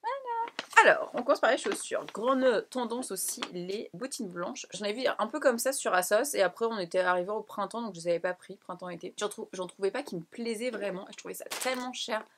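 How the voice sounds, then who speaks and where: A young woman talks through her clothing haul in a loose, chatty vlog voice. She jumps between excited exclamations and quieter asides, laughing often. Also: mid-range voice, a little fast, hardly any pauses, background noise. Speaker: fashion vlogger. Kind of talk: casual haul vlog chat.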